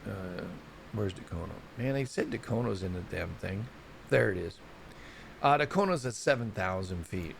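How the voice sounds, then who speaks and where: Gravelly-voiced man rambling through news. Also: fairly low pitch, animated, moderate pace, slight background noise. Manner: rambling, chatty, stumbles over place names. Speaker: show host. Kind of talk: casual solo volcano news report.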